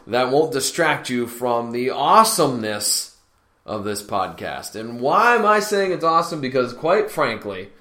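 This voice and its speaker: An upbeat, chatty man hosts a podcast and talks straight to his listeners. His voice sits at a middle pitch. He records at home on a laptop setup in a room stripped almost bare, so every word rings with a loud, hall-like echo. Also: sing-song, measured pace. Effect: echo of a near-empty room, like a hall. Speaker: podcast host. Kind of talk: casual podcast intro. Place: near-empty home room being remodeled.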